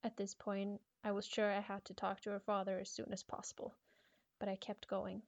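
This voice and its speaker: A woman's voice: medium pitch, monotone, moderate pace, vocal fry, a little mellow, dry recording. A woman telling a spooky horror story as a scripted first-person narration.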